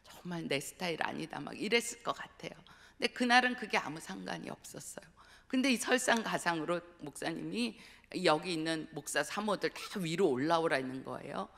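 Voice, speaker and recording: A woman's voice: lowish voice, lively intonation, fairly quick, vocal fry, a bit bright. A middle-aged woman, a pastor's wife, giving an earnest testimonial sermon, telling her story and dropping to a whisper for emphasis. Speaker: guest speaker, pastor's wife. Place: church sanctuary. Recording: long reverb of a church hall.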